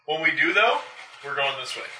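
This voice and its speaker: Sarcastic guy at a tabletop game, kinda high voice, really animated, loud noisy background. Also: a little fast. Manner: joking, sarcastic. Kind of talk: casual chat. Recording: very noisy echoey room, distant mic.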